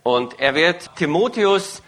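Male live interpreter, bright and forceful tone, keeps pace phrase by phrase, small stumbles and self-corrections. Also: on the high side, lively intonation, slow. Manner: follows phrase by phrase, occasional hesitations and self-corrections.

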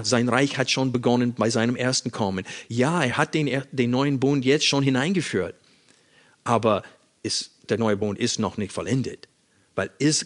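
Man preaching, reading scripture aloud. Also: medium pitch. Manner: reads scripture verses aloud and explains them; questions and addresses the listener directly. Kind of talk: Bible-teaching sermon.

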